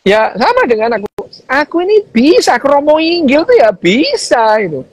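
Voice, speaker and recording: Animated man, lively pitch. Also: moderate pace, dry recording, poor audio. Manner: animated, mixing Javanese phrases, repeats "gitu". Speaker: neuroscientist guest on a live chat. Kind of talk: casual livestream chat.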